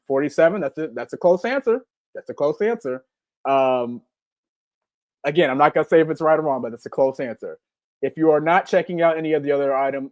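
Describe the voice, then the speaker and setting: A man's voice: fairly high pitch, no echo. Chatty Southern man in his forties. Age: 40s. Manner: relaxed, rambling, chatty with filler ums. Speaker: podcast co-host. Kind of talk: casual live-stream chat.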